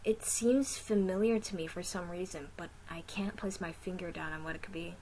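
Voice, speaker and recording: A woman doing a fearless teasing young woman, dismissive, lowish voice. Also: normal speed, darkish tone, a little hiss or hum, close to an everyday voice, poor audio.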